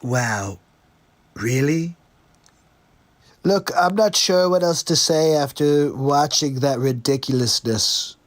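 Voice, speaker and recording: This livestream comedy host speaks high and slow, pausing often, as he mocks the clips he shows with sarcastic, disbelieving remarks in between.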